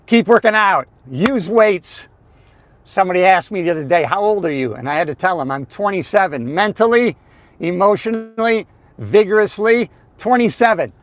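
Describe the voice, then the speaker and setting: Upbeat man in his sixties, high voice. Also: a bit bright. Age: 60s. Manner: upbeat, motivational, chatty. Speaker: live-stream host. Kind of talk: casual live-stream chat.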